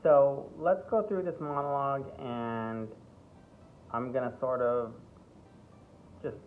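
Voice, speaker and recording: A man teaching an acting workshop in a relaxed way. He often repeats himself and checks in with "okay?" and "right?". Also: mid-range voice, slow, soft background music. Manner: breaks into playful accent demonstrations. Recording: tinny phone-like sound with faint background hiss.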